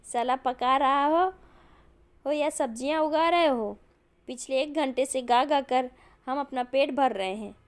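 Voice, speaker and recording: A lazy young man needling his friend in a mocking tone, as a woman storyteller reads him. The voice is high and clear, with a light teasing lilt. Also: a little slow.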